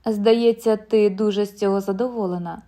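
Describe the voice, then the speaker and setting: A woman voicing a stubborn husband eager for one last swim, who later shouts in alarm. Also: medium pitch, fairly even intonation, normal speed, close to an everyday voice. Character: man on a beach, stubborn, restless to swim.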